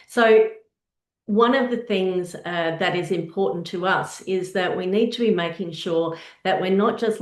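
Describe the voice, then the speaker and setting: A woman presents from her slides in an earnest, measured way, working through rhetorical questions. Her voice sits a little low, and the room around her adds a noticeable echo. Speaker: presenter on intercultural practice.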